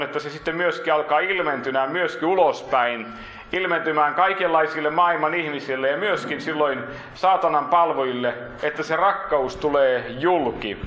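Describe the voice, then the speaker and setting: Male preacher, earnest sermon delivery, bright tone, roomy church reverb. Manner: earnest preaching, rising for emphasis then dropping low and slow.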